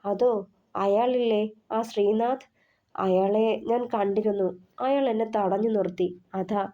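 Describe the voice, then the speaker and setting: A woman reading the part of a frightened young female student, speaking in halting, stammering pleas. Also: mid-range voice, steady tone, mellow, highs cut off, lightly acted. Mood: shaken. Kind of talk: audio novel character reading.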